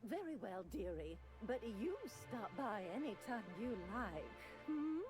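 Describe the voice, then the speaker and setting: An actress playing a flirtatious, sugary auntie of a medical dispenser in a video game, cooing and genteel. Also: female voice, on the high side, very animated, a little slow, music in the background. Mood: prim, then coaxing. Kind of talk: video game character acting.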